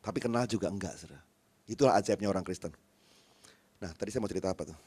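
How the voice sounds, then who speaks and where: Man preaching a lively, humorous sermon. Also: sits low, quick pace, breathy edge. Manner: lively storytelling, often calls out to the congregation; humorous, acts out little dialogues. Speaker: pastor.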